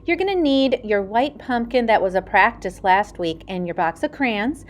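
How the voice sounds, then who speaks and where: A woman art teacher giving young children a craft lesson in a bright, upbeat kids' presenter manner, explaining step by step and checking in with simple questions. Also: mid-range voice, animated, normal speed. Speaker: elementary school art teacher. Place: indoors in school stairwell and hallway.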